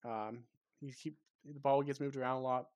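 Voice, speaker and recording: Male co-host, relaxed sports chat, hesitant delivery full of ums, dry recording. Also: mid-range voice, moderate pace, no echo. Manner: hesitant, many ums and restarts. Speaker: podcast co-host.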